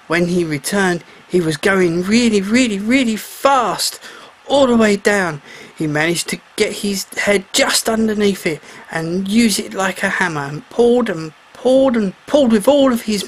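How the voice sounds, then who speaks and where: A storyteller narrating a simple children's tale for a homemade shadow puppet show, in a gentle storybook manner. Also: mid-range voice.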